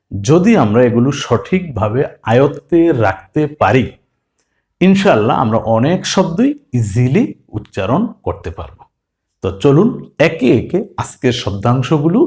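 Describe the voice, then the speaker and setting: A man teaching beginners an English reading lesson in Bengali. He spells out syllables slowly, letter by letter, and asks the students questions before answering them himself. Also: medium pitch, darkish tone. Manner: opens with a formal Islamic greeting.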